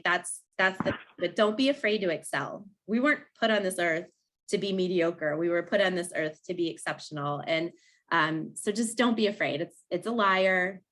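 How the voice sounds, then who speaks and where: Energetic woman giving a casual pep talk. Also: on the low side. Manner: energetic, casual, many fillers and likes. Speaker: seminar speaker. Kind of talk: motivational talk.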